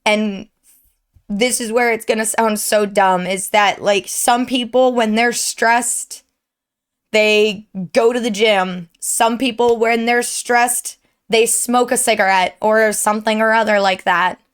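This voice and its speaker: At her home desk, a young woman who streams and makes YouTube videos talks candidly and at length to her viewers despite a sore, strained throat. She speaks slowly in a fairly high, steady voice that is clear and resonant.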